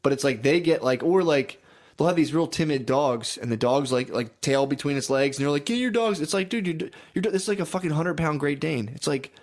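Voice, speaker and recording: A man's voice: fairly high pitch, a little fast. A young man in casual chat, rambling and profane as he defends his dogs and tells stories.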